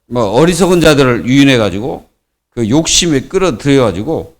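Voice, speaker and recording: Lively-voiced Korean pastor preaching. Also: male voice, mid-range voice, normal speed. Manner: colloquial preaching with many fillers and repetitions. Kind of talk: sermon. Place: church.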